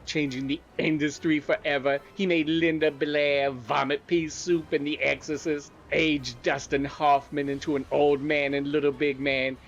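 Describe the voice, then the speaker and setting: A man's voice: on the high side, little pitch movement, unhurried, hardly any pauses, muffled recording. A man playing a theatrical, gleefully macabre horror show host, relishing punning, alliterative scripted narration. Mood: campy, reverent.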